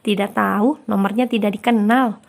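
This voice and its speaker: A woman voicing a lively, talkative young woman who keeps firing off questions at her cousin, in a romance audio story. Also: medium pitch, normal speed, gravelly, close to an everyday voice. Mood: puzzled.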